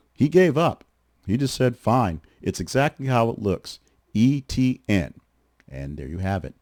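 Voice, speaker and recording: A man's voice: low voice, a little mellow, no echo, studio quality. A man hosting a show, talking through sports news in a chatty, conversational way with the odd restart. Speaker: podcast host. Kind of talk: casual sports commentary.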